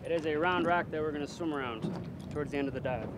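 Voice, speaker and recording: A man's voice: on the high side, quick pace. A man giving an informal dive master briefing, explaining things plainly with jokey asides. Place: outdoors on a dive boat. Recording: noisy outdoor boat, distant mic.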